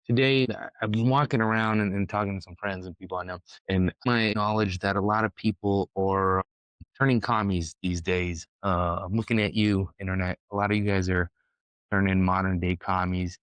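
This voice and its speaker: A man's voice: low-pitched, steady tone, normal speed, fairly bright tone, clear, resonant tone, no echo, low-quality recording. A man from Ukraine in his forties hosting his own podcast, talking bluntly and profanely in a rambling monologue full of restarts. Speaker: podcast host. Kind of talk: casual opinionated monologue.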